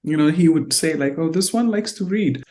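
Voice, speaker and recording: A middle-aged diplomat, born in Ethiopia and raised in North Carolina, looks back on her life in an oral history interview. She speaks haltingly and reflectively, with many fillers, in a low, mellow voice.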